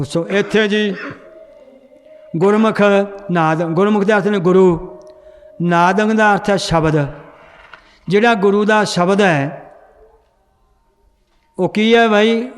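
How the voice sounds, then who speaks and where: Male recitation teacher with a high voice, questions and corrects his class; large reverberant hall. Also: takes it slowly, pauses often. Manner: quizzes the class and corrects their reading. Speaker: scripture pronunciation teacher. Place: large hall with a seated congregation.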